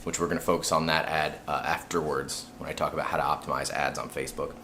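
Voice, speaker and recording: A man's voice: extremely low pitch, little pitch movement, fast, over loud music. A man, a musician, talking to camera in a laid-back, straightforward vlog. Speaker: musician vlogger. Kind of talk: casual vlog talk.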